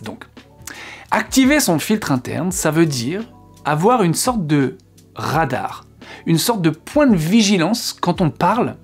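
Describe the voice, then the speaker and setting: A man giving an explanatory video lesson as an English teacher, patiently repeating words to show how they sound. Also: high voice.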